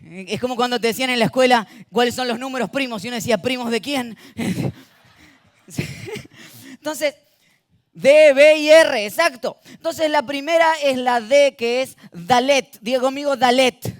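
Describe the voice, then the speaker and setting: A male pastor giving a sermon in a church, animated and having the congregation repeat words after him. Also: very high voice, moderate pace. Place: church auditorium. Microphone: handheld or stage mic.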